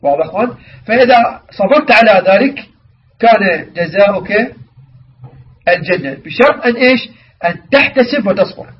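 A man with a high voice teaches a religious lesson, stopping to explain word meanings and quiz his class. He sounds set back from the mic. The recording is dull and lo-fi. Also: lively intonation, moderate pace, pauses often, recorded from a distance, slight background noise.

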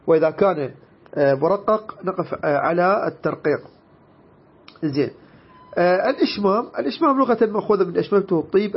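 A man teaching Quran recitation rules, slowly drawing out each example word and then correcting it, with many pauses to hesitate. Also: sits high, husky, lo-fi sound. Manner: many hesitation sounds between points. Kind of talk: tajwid lesson with recited examples.

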